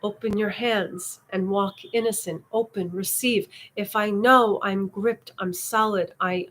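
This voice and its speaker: A woman teaching in a room, speaking in an unhurried, contemplative way and guiding the listener through breaths. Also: medium pitch, low-quality recording. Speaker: meditation and Taoism teacher. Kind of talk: reflective spoken teaching. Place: indoor room.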